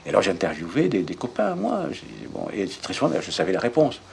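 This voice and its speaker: An older man with a low, deep voice, answering interview questions in a reflective, halting way. He gropes for words and restarts his sentences as he thinks aloud. A faint noise runs beneath him. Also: wildly swooping pitch, gravelly. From southwest France.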